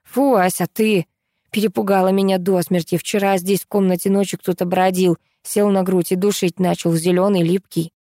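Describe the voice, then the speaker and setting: Cranky old granny in an audiobook, loud and mellow, as a woman reader plays her. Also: lowish voice, steady tone, normal speed, no echo, studio quality, close to an everyday voice. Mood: startled. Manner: cranky, shouting. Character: grumpy sleepy old grandmother.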